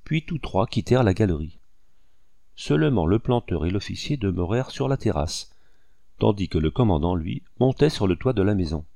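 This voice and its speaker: A man narrates a classic novel in a steady, measured audiobook reading. His voice is very deep, gravelly and dark in tone. The recording is dry and close. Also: dry recording. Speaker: audiobook reader.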